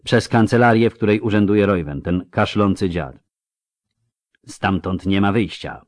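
A man voicing an assassin who reports tersely in a hushed, muffled manner. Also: on the low side, measured pace, no echo, clean studio sound.

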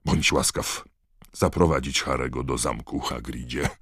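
A man's voice: extremely low pitch, steady tone, fairly bright tone, husky, dry recording, clean studio sound, heavily acted. Man voicing a stern old wizard headmaster. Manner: firm, measured commands.

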